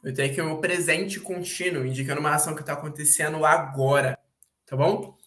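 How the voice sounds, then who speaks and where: Bright-voiced Brazilian teacher man. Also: a little high, fairly even intonation, a little fast. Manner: casual slangy, often checks in with "tá bom?". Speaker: English teacher. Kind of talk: live online exam review class.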